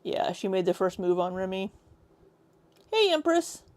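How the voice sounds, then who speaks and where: A woman's voice: lowish voice, completely flat delivery, fairly quick, mellow. A woman co-hosting a casual livestream chat, blunt and sweary, reading out viewer comments. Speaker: co-host.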